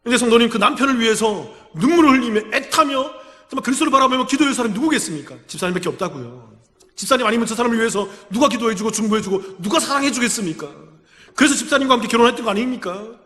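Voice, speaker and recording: High-voiced Korean pastor preaching in a reverberant church. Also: male voice, lively intonation, rapid-fire, a bit bright. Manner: earnest, acts out congregants' words in dialogue. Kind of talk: sermon. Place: church sanctuary.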